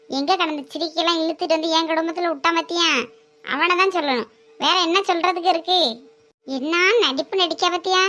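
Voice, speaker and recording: A woman's voice: sits high, sharp tone. A woman playing a nagging older mother-in-law who scolds and complains bitterly in a family skit. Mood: scornful. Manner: complaining, scornful rant.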